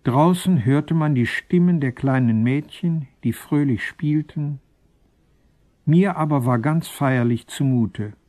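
Langsamer, feierlicher Erzähler. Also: male voice, mid-range voice. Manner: calm, solemn, measured storytelling. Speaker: narrator. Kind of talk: scripted first-person story reading.

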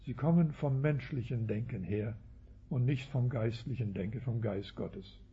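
A man's voice: mid-range voice, a little slow, mellow, highs cut off, slight background noise. A man giving an expository sermon as a Bible teacher, with a habit of tagging sentences with "ja" and correcting himself as he goes. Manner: frequent tag "ja", self-corrections.

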